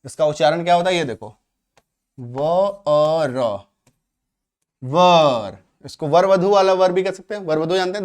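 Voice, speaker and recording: Man from India, high voice, English grammar teacher, step-by-step explanations, slows down for examples. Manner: explains step by step, often checks with 'okay, clear?'; slows right down when reading out English examples. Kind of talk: grammar lesson.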